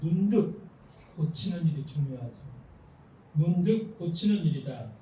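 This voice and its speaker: Male pastor, Sunday sermon, dark mellow voice, measured delivery, echoey church hall, distant mic. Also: on the high side, a little hiss or hum. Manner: calm, measured preaching with soft read-aloud passages. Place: church sanctuary.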